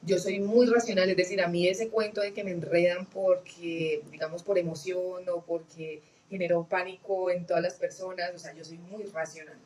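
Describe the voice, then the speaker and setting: A woman telling her personal testimony in an earnest, reflective way, often pausing with fillers and restarting her sentences. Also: fairly low pitch, steady tone, darkish tone, a little hiss or hum, rough recording. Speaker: guest giving a testimony.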